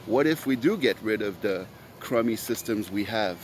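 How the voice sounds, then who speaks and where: Hosting his own podcast, a native French speaker rambles earnestly through a solo monologue full of fillers. He sounds lowish and animated at a normal speed, and there's slight background noise.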